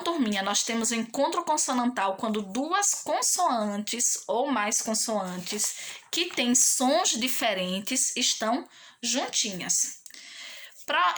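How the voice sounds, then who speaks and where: A woman from Brazil teaching young children in a recorded online lesson, patient and sing-song, often checking in with tag questions and stretching key words slowly. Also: fairly high pitch, expressive, a bit bright. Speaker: primary school teacher.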